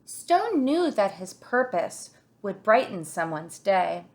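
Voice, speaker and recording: Here a woman of medium pitch narrates a kids' picture book in the manner of a kindergarten teacher, slow and deliberate yet full of expression.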